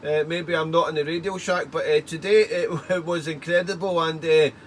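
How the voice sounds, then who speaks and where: A man's voice: on the high side, brisk. A man working as an amateur radio operator chats casually with call signs, rambling in a stop-start way and repeating words. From United Kingdom. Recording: faint steady background noise.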